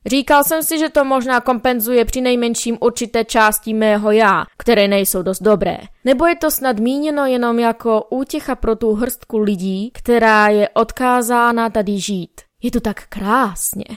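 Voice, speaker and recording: A woman reading a novel aloud as first-person narrator, in a measured, wry storytelling manner, close to the mic. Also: fairly high pitch, clear, resonant tone, no echo. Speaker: audiobook narrator.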